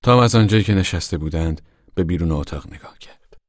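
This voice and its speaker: A man giving measured, solemn scripted narration of a novel for a radio drama. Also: sits low, dry recording, clean studio sound.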